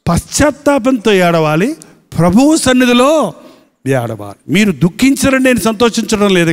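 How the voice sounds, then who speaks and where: High-voiced man preaching in a hall. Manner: emphatic preaching with rhetorical questions. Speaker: pastor. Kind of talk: sermon.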